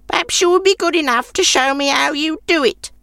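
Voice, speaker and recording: A woman's voice: high voice, fairly quick, gravelly, fairly bright tone, no echo, studio quality, pitched above the performer's own voice. A woman voicing a grumpy old woman who speaks sourly and scornfully. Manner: snorting, scornful.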